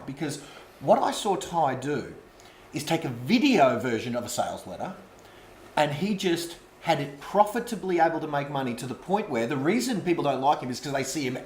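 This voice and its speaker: A man hosting a podcast interview, telling stories with animated energy and frequent laughter. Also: on the high side. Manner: animated storyteller, laughs often. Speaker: podcast host. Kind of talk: casual interview chat. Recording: roomy echo, faint background noise.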